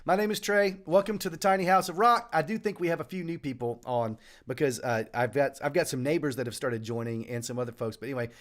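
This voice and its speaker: A man hosting a casual live morning stream from a small home studio, jokey and animated as he greets viewers by name. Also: on the high side, quick pace, few pauses. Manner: animated, jokey, shouting out names.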